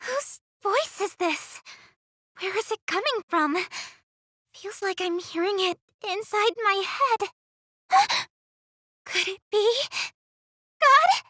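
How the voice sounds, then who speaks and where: A frightened young heroine from a video game, her voice very high and swinging wildly up and down. She sounds anxious and breathless, startling at every turn, with a bright, clean studio sound. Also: sing-song, takes it slowly, long pauses, dry recording, heavily acted. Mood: frightened, pleading. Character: frightened young woman heroine trapped and lost. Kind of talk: game voice acting.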